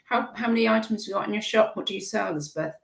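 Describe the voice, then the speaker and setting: A woman's voice: mid-range voice, racing, vocal fry. A British woman hosting a casual live stream from her kitchen, rambling chattily and breaking off her own sentences. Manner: chatty, self-interrupting, warm chuckles. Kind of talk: rambling casual chat, reading viewer comments. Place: home kitchen. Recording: echoey home kitchen.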